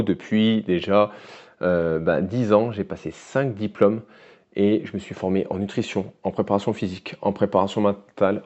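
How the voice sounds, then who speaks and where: A French-accented man speaks as a weight-loss coach, talking straight to his viewer in a relaxed, conversational way and checking in with a steady "d'accord?". His voice sits on the low side with a mellow, warm tone. The recording is a little muffled. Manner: casual, addresses viewer directly with frequent "d'accord?". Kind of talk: direct-to-camera coaching talk.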